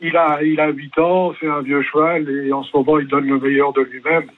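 A man's voice: on the high side, little pitch movement, brisk, a little hiss or hum. Man on a tinny phone line. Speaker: racehorse trainer, phone guest. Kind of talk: phone interview on radio.

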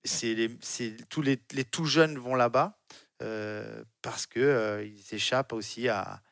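A man's voice: medium pitch, fairly even intonation, slow, creaky, fairly bright tone, no echo. A French man working as a cycling consultant, speaking with passion in a radio studio and often repeating words as he restarts. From France. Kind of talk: lively radio studio discussion.

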